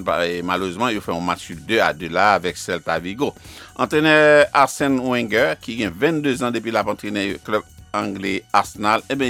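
Man, radio sports news, halting, gravelly, low-pitched. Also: sharp tone. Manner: halting, full of fillers.

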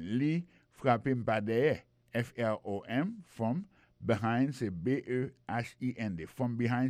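A man's voice: mid-range voice, darkish tone, no echo, clean studio sound. A man with a Haitian Creole accent teaching English phrases on a radio lesson, explaining each one and spelling words out. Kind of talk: bilingual radio language lesson.

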